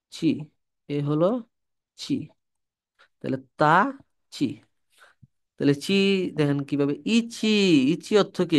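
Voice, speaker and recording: A man's voice: a little high, smooth. A man from Bangladesh, teaching a language lesson, repeating words and quizzing the listener. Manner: drills syllables slowly for practice. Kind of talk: classroom-style lesson.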